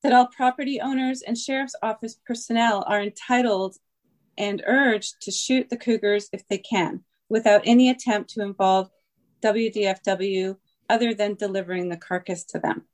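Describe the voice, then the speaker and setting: A woman's voice: mid-range voice, fairly even intonation, moderate pace. Woman phoning into a meeting, reading her comment, serious, a few ums. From Washington State. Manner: earnest, reads from notes, some ums. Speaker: caller. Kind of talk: prepared public comment. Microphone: phone call-in.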